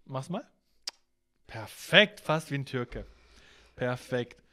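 A man's voice: medium pitch, expressive, takes it slowly, bright, forceful tone. A man co-hosting a casual podcast chat, playfully teaching his friend words in a teasing way. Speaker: podcast co-host.

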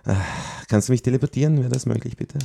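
A middle-aged man chatting casually while playing a video game with his child, easily excited and often searching for words. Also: mid-range voice, fast, vocal fry. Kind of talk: casual gaming chat.

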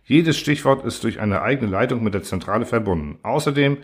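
A man's voice: medium pitch, expressive, fairly quick, husky. A man voicing a male presenter who formally explains a new kind of encyclopedia. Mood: lecturing.

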